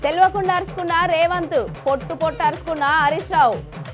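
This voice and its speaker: A woman news host with a Telangana Telugu accent reads rhyming comic headlines in a sing-song delivery. Her voice is strikingly high. Music plays clearly behind her. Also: expressive, fairly quick.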